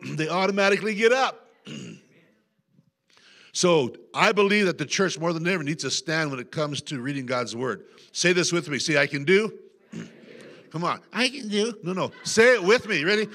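A male guest pastor preaching a sermon in a church, leading shouted call-and-response with the congregation and often clearing his throat. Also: medium pitch. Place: church sanctuary.

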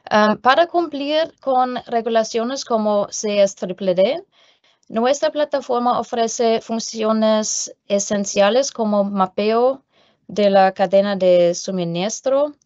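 Middle-aged woman presenter, in Spanish, slow careful reading, dull dry video-call sound. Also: on the high side, a little mellow, no echo. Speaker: guest presenter, corporate sustainability executive. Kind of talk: prepared business presentation in non-native Spanish. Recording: muffled video-call audio.

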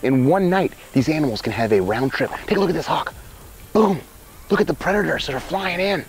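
Excited man hosting a wildlife show. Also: a little high, a little fast, slight background noise. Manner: excited, emphatic showman delivery. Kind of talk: enthusiastic outdoor nature presenting. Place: outdoors by a cave in open country.

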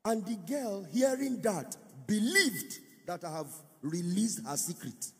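A man's voice: sits high, big pitch swings, slow pace, creaky, long reverb tail. A male pastor preaching at a conference, driving his points with sung, rising phrases and call-and-response. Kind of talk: conference sermon teaching. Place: large church or conference hall.

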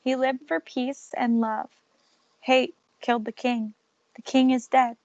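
A woman's voice: high-pitched, a little slow, dry recording, dull audio. A woman reading a picture book aloud, telling the story expressively and raising or dropping her volume for drama. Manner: expressive, shifts loudness for drama. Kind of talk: read-aloud storybook narration.

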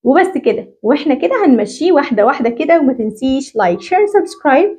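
A woman with an Egyptian accent giving a teacher-training English lesson. She asks questions and answers them herself, and repeats English words slowly. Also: sits high. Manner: animated, drawing out English words slowly for repetition.

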